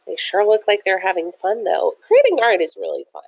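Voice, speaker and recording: This woman's voice sits at medium pitch with huge swings, a darkish tone, and a slightly fast pace, and the highs are cut off. She reads a picture book to children in an animated, teacherly way, breaking off for friendly, simple explanations that encourage them.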